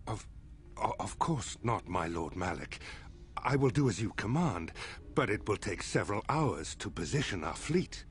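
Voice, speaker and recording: A man's voice: lowish voice, sing-song, normal speed. An actor playing a nervous male fleet admiral who stammers before his commander. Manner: hesitant, stammering.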